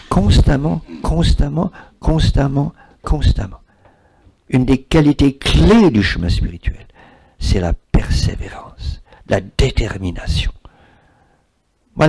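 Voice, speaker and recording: A man's voice: mid-range voice, mellow, breathy edge. A man, giving a spiritual talk and taking questions from an audience, repeating words for emphasis. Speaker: spiritual speaker.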